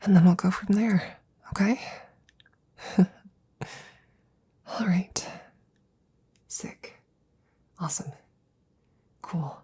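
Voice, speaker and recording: For this ASMR roleplay, a woman takes on the role of a devoted but anxious scientist, using an exaggerated voice that leans low. She comes across pleased and proud, rambling haltingly in soft, breathy tones close to the microphone and often whispering.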